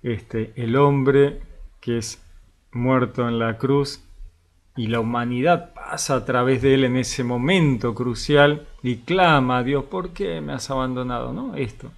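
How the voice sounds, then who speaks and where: A man with an Argentine Spanish accent teaching a Bible study in a relaxed, conversational way, reading passages aloud and commenting on them. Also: medium pitch, slow pace. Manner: conversational, often ends with a questioning tag and fills with a drawn filler; lively, reads scripture passages aloud between remarks.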